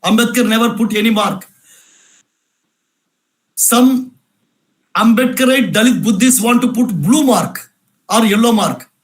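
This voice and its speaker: Unhurried and pausing at length, a very high-voiced man gives an insistent lecture at a cultural event. He keeps repeating phrases and posing rhetorical questions.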